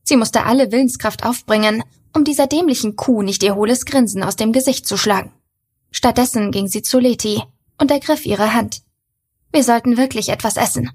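A woman reading a novel aloud as an audiobook narrator, in a measured, even storytelling manner. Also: a little high, husky. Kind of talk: scripted literary narration.

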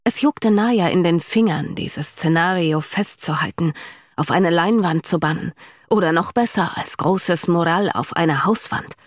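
Female audiobook narrator, lowish voice, calm even read, dry studio sound. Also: measured pace, no room sound. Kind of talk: scripted narration.

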